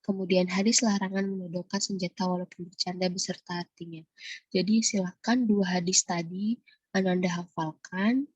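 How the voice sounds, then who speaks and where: A woman teaching a recorded religion lesson to primary pupils, gentle and patient, with many filler pauses. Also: fairly low pitch, fairly even intonation, husky, no echo. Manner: asks questions and answers them herself. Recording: dull lo-fi recording, dry.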